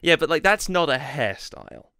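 Bright, clear-voiced young man chatting. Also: fairly high pitch, sing-song, normal speed, no room sound, studio quality. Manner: rambling, lots of fillers and restarts. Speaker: podcast co-host. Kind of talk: casual chat.

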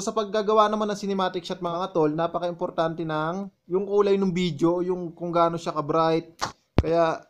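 A man with a fairly high voice gives a relaxed, chatty tutorial voice-over. He walks listeners through each step in turn and keeps calling them "tol" like old friends. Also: noisy background. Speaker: vlogger explaining his editing.

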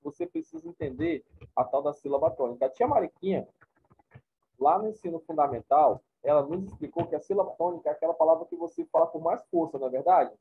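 A man's voice: a little high, big pitch swings, quick pace, vocal fry, husky. A man teaching a class, explaining points informally and often checking in with his students. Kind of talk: classroom lecture. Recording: tinny phone-like recording.

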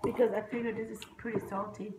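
Dishes clatter loudly around a middle-aged woman's voice in a roomy space. She speaks at a medium pitch, chatting casually with family over dinner. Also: level tone, fast. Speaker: mother at the family meal. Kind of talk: casual chat. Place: home dining room, indoors. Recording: roomy, very noisy with dish clatter. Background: clinking dishes and pots.

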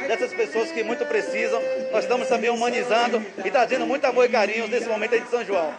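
Fast-talking official. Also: male voice, extremely high pitch, fairly even intonation. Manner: official, upbeat talking points. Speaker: municipal secretary. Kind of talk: interview on live TV. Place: outdoor community restaurant with band. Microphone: reporter's handheld mic, masked. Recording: forró music playing behind.

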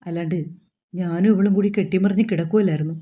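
A woman reading the part of a hot-tempered young man who curses and shouts. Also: on the low side, fairly even intonation, fast talker, phone-quality sound, close to an everyday voice. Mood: angry.

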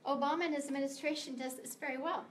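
A woman's voice: sits high, steady tone, quick pace, slight background noise. Earnest middle-aged American woman speaker. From United States. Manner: earnest, emphatic, sometimes stumbling. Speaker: guest speaker, author. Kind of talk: prepared speech to a meeting. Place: meeting room of a library.

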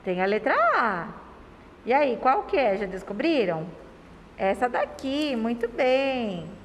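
A Brazilian woman teacher gives a remote lesson to young children in a slightly high, expressive, sing-song voice, slowly stretching out words and syllables and repeatedly asking affectionate questions. The recording carries a long room reverb and faint background noise.

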